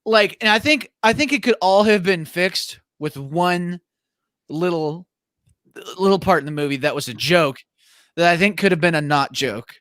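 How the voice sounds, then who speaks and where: A man's voice: sits high, lively intonation, normal speed, no room sound, studio quality. A young man co-hosting a casual movie review podcast, chatty, with lots of "like" fillers. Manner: chatty, many "like" fillers, mimics characters in a loud voice. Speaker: podcast co-host.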